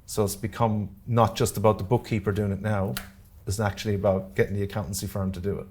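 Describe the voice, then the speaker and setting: In a community centre meeting room, a man from Ireland presents a grants workshop to people in the room, talking fast in a fairly low, level, darkish voice over slight background noise. His style is practical and straightforward, with joking asides and frequent checks that the audience is following.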